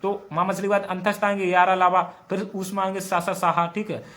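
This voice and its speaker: High-voiced young teacher drilling mnemonics. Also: male voice, level tone, a little fast, fairly bright tone. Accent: western Uttar Pradesh Hindi. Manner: repetitive, drilling mnemonics aloud. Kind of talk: exam-prep grammar lesson.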